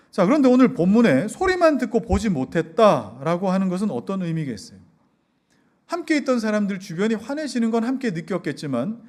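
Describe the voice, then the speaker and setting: A man's voice: high voice, darkish tone. A male pastor giving an expository sermon, asking the congregation rhetorical questions as he goes. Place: church hall in a basement.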